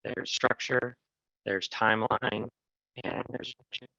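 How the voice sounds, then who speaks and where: A man's voice: medium pitch, level tone, slow pace, creaky, pushed and bright, no room sound. A man presenting over a video call, his glitchy audio breaking up as he lists points in short clipped phrases. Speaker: webinar presenter. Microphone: headphones with a microphone on a call. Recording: dry, dull, lo-fi call audio.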